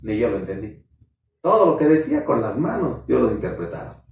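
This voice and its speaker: A man's voice: medium pitch, fairly quick, gravelly. Male pastor preaching in an echoey church. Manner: animated storytelling, quoting himself in prayer. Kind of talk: sermon testimony. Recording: echoey church hall, distant mic.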